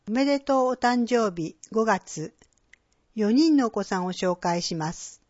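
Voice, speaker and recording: A woman announcer reading a scripted public-service segment, with clear, measured delivery of names and dates. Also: fairly high pitch, expressive, a little mellow, no echo, highs cut off. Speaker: municipal announcer.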